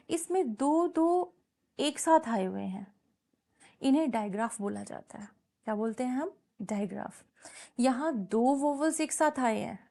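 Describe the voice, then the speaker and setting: A woman's voice: high-pitched, a little mellow. A woman teaching an English lesson, switching between Hindi and English and patiently repeating example words. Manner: mixes Hindi and English, checks understanding with repeated questions. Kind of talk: classroom lesson explanation.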